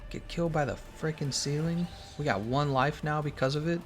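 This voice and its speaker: A man's voice: a little high, brisk, faint music behind. A man giving casual, slangy, exclamatory livestream commentary on a game while chatting with his viewers. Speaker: game streamer.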